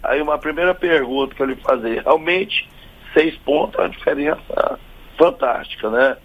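A man with a Brazilian Portuguese accent commenting on football for a radio sports show, halting and restarting often. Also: fairly high pitch, phone-quality sound.

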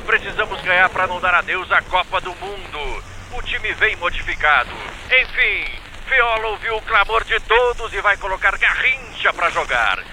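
Old fifties radio football announcer, fervent, high voice, noisy broadcast sound. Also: male voice, expressive, normal speed, sharp tone, exaggerated voice. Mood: urgent, solemn. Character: fervent 1950s male radio football commentator. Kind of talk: vintage radio sports commentary.

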